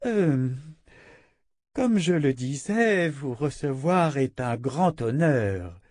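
A man's voice: mid-range voice, animated, takes it slowly, a little mellow, no echo, studio quality. A man voicing a haughty, scheming middle-aged queen in an audiobook, in an affected, fawning manner. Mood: simpering.

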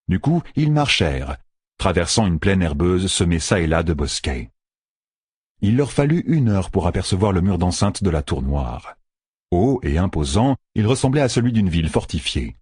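A man narrating an audiobook in an expressive storytelling manner. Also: sits low, slightly rough, no echo, clean studio sound. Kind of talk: scripted narration.

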